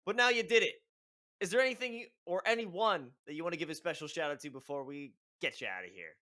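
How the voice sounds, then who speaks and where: High voiced guy hosting an esports stream, bright forceful sound, casual interview talk. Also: expressive, quick pace. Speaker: esports broadcast host. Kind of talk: casual broadcast interview and sign-off.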